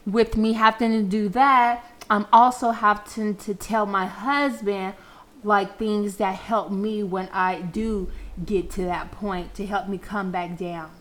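A woman's voice: mid-range voice, steady tone, takes it slowly. Chatty woman podcast co-host. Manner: earnest and chatty, with many restarts. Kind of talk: casual podcast chat.

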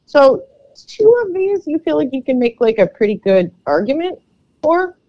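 A woman with a froggy, slightly croaky voice co-hosting a sports podcast in casual, conversational commentary, often hedging her points. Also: high-pitched, sing-song, moderate pace, no room sound. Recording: dull, lo-fi microphone sound.

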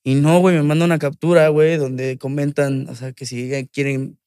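A young man with a Mexican accent, a guest musician talking in a casual, slangy, excitable way. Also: on the high side, normal speed, smooth, no room sound, studio quality. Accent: Mexican Spanish. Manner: slangy and excitable, acts out quotes. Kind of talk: casual interview chat.

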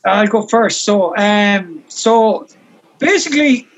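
A man's voice: sits high, animated, takes it slowly, poor audio. A man with a west of Ireland accent telling casual anecdotes as a guest, rambling and repeating himself, with some swearing. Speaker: podcast guest, comedy actor.

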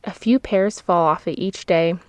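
A woman's voice: lowish voice, a little slow, dry recording. A woman hosting a casual podcast from inside a clothes-padded closet, chatty, laughing often and correcting herself as she goes. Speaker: podcast host. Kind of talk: casual seasonal podcast chat. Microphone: close microphone.

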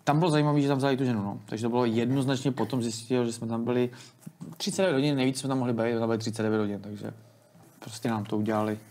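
A man's voice: mid-range voice, fairly even intonation, darkish tone. A man in his thirties, an interview guest, telling a long story in casual, rambling speech with many restarts. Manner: rambling, colloquial, frequent restarts.

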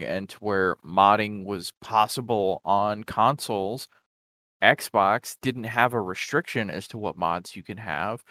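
A man co-hosting a gaming podcast, relaxed and chatty. His voice sits on the lower side and sounds dry and close to the mic, with short asides between his partner's points. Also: no room sound. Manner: laid-back, adds short asides and agreements. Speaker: podcast co-host. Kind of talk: casual gaming news chat.

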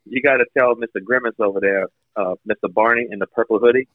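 Man, thin phone voice with no bass, fairly low pitch, dry, blunt casual talker. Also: fairly even intonation, fast talker, no echo. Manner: blunt, candid critique, loose with swearing. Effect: thin phone line with no bass. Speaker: podcast guest calling in. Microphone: phone speakerphone. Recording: dull, thin phone-call audio.

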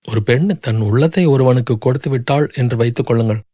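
A man's voice: medium pitch, quick pace, mellow, dry recording, studio quality, lightly acted. A man voicing a grief-stricken young noblewoman who pleads desperately through sobs. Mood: grieving plea.

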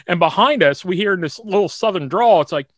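Male podcast co-host, slightly higher voice, close dry mic, loose rambling delivery. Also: expressive, a little fast, no room sound. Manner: rambling, many fillers and restarts. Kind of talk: casual chat.

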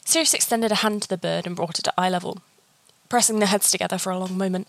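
A woman reading a fan fiction story aloud, steady and even. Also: on the low side, fast, dry recording.

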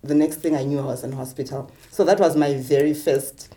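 A young woman co-hosting a podcast from South Africa, telling her story in an animated way and acting out quoted voices. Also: sits low, a little fast. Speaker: podcast co-host. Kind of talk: candid storytelling conversation.

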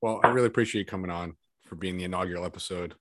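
A man hosting a casual podcast, relaxed and friendly, joking at himself while wrapping up. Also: low-pitched, racing, no echo, studio quality. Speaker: podcast host.

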